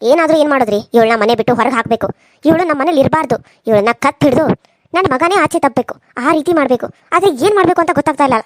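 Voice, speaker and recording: A woman's voice: high-pitched, racing, dry recording, clean studio sound, natural voice. A woman voicing a harsh, scheming, wealthy middle-aged mother-in-law in a cartoon serial, with a North Karnataka accent and a scolding, contemptuous manner. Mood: complaining. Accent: North Karnataka Kannada.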